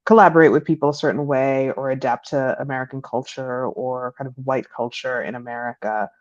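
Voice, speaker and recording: A young adult woman from Peru, an interview guest on a remote call, speaks thoughtfully and a little fast, using lots of "um." Her pitch climbs when she gets animated. The call audio is dry, dull, and lo-fi.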